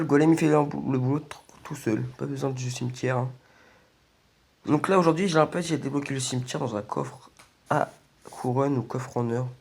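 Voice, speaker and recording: A man casually commentating on a video game, his voice weak and congested from a sore throat. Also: medium pitch. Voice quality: slightly croaky, strained by sore throat. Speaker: gaming video host.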